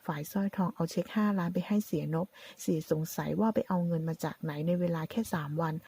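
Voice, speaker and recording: A woman narrating a drama story as a recap, reading in a steady, even way. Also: fairly low pitch, fast, husky.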